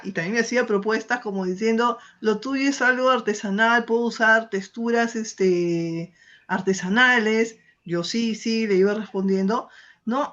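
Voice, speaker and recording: A chatty woman taking part in an online class tells a story at length. She acts out bits of dialogue and keeps restarting her sentences. Her voice sits a bit high and comes through dull, lo-fi call audio. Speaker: workshop participant. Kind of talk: casual anecdote in class.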